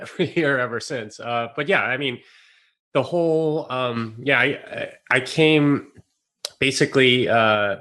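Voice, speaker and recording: Bright-voiced man, rambling interview guest. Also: lowish voice. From South Korea. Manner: rambling, many fillers and restarts, laughs often. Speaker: podcast guest. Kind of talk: casual interview chat.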